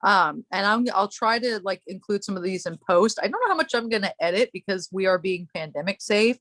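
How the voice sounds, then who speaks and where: A woman's voice: medium pitch, lively intonation, brisk, fairly bright tone, no echo. Rambling woman host, dry sound. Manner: rambling, self-interrupting, laughs often. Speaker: podcast host. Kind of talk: casual storytelling chat.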